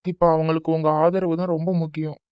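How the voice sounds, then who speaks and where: A man voicing a calm, reassuring doctor. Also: on the high side, fast talker, clear, resonant tone, no room sound, close to an everyday voice. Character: calm male hospital doctor. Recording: dull dry recording with faint music.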